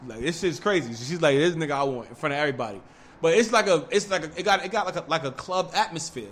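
A young man telling a wild story in casual, profane street slang, rambling with lots of fillers and growing animated. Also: a little high, fast. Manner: animated, breaks into laughter. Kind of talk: casual chat.

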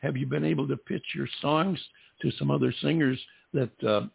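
An older man hosting a casual interview show, with a gravelly, husky voice and an easygoing, jokey manner. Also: mid-range voice, fairly even intonation, normal speed. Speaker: show host. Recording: tinny phone-like line.

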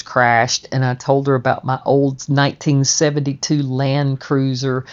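A woman's voice: rumbling low, darkish tone. A woman telling a personal story in a chatty, rambling way, full of fillers and restarts. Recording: dull, muffled audio.

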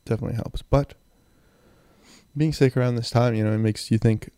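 A young man with a phlegmy, sick throat rambles in a low-key way as he hosts a casual solo podcast into a close handheld mic. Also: fairly even intonation, a little fast, dark tone, clean tone, no echo. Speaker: podcast host. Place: in bed, indoors. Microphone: handheld mic and audio recorder, close.

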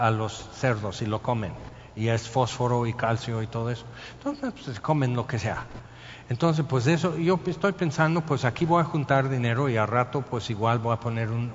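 A man preaching a sermon, telling the story lively and acting out scenes and sounds. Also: medium pitch. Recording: muffled sound in a reverberant hall with faint noise.

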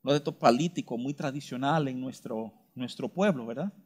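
A man preaching a sermon with emphasis, tossing in frequent rhetorical tag questions and moving between quick asides and slow, stressed words. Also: medium pitch.

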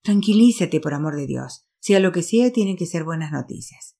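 A woman's voice: lowish voice, expressive, moderate pace, gravelly, warm tone. A woman reading a novel aloud, voicing an insistent, bossy sister who turns firm and soothing by turns. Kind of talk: audiobook reading.

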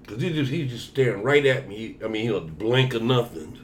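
A man's voice: medium pitch, expressive, normal speed, a crowd in the background. A man chatting casually, emphatic and profane, often repeating himself for stress. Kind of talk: casual chat.

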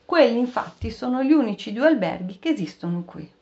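A man's voice: very high-pitched, big pitch swings, fairly quick, a little mellow, highs cut off, slight background noise, full character voice. Woman reading as a blunt, amused local man. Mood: resigned.

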